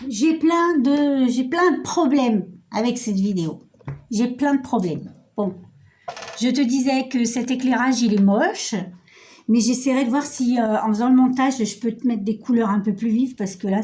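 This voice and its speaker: A woman's voice: a little high, normal speed, warm tone, slight background noise. A middle-aged woman with a stuffy cold, chatty and self-mocking as she talks the viewer through a sewing project on her phone camera. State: nasal with a cold. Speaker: sewing tutorial host. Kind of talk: casual sewing tutorial.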